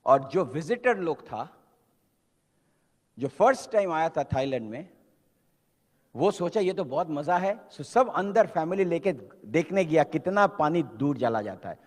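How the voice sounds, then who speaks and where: A man's voice: on the high side, very animated, measured pace, pauses often, a little mellow. A man giving an emphatic motivational seminar talk, switching between Hindi and English and acting out quotes. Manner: emphatic, preacher-like exhortation. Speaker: motivational speaker at a business seminar. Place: large hall. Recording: long hall reverb.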